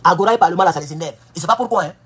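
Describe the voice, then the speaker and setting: A woman's voice: on the low side, racing, a bit bright, slightly rough. A woman giving an impassioned political monologue, emphatic and scolding, firing off rhetorical questions. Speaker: political commentator. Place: United States.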